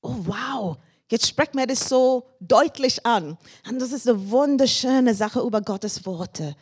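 A woman in her fifties from England, with an English accent on her second language, preaching as a guest and sharing personal testimony with laughs and shouts of praise. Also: a little high, animated, slow pace, husky. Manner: warm and thankful, with frequent laughs and praise shouts.

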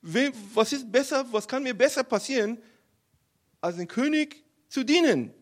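A man's voice: very high-pitched, lively intonation, moderate pace, pitched above the performer's own voice. A man voicing an eager, earnest young shepherd-warrior in a retold Bible story.

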